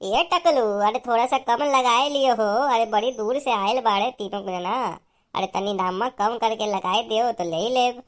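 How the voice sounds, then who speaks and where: A woman's voice: a little high, normal speed, natural voice. A woman voicing a bossy elder village sister in a cartoon, who haggles and scolds in an Awadhi accent. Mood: scolding. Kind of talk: cartoon voice acting.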